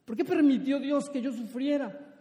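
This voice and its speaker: An outraged king hurls one complaining question after another, high and loud, as a preacher puts him on. The voice is dark in tone. It echoes with a long reverb through a large hall. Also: normal speed. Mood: indignant. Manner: shouting indignant questions. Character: angry complaining king, grown man.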